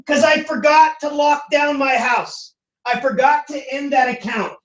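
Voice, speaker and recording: High-voiced male teacher, distant echoey room. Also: a little slow, dull audio. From United States. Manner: animated, acts out quoted voices. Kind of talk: classroom lecture. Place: classroom. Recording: echoey classroom from far off.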